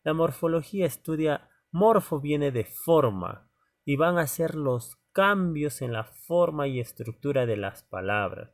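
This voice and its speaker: A man's voice: fairly high pitch, lively intonation, a little slow. Chatty male teacher. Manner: conversational, many "¿no?" tags and fillers; addresses students directly as "joven". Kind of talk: informal lecture to students.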